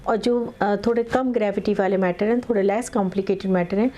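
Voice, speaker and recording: Measured woman advocate, flat mellow voice. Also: mid-range voice. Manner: measured, many filler pauses, mixes English legal terms into Hindi. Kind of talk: explaining in conversational interview.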